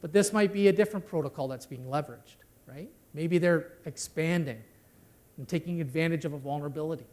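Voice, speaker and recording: A man's voice: on the high side, fairly quick, a little mellow. A middle-aged man giving a conversational conference talk on network security, ending many sentences with "right?". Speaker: conference speaker. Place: conference hall.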